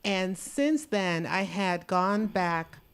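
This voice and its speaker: A woman's voice: mid-range voice, animated, slow, clean tone. A woman in the audience sharing a rambling personal comment at a conference, with light laughs. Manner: meandering, chatty, laughs lightly. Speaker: audience member. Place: conference hall.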